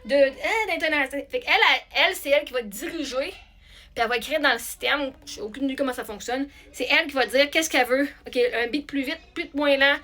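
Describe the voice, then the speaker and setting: A woman with a Québécois accent, a singer talking casually to her followers in a chatty, animated way with many restarts. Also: high voice, fast. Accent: Québécois French. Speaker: singer and content creator. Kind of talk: casual talk to camera.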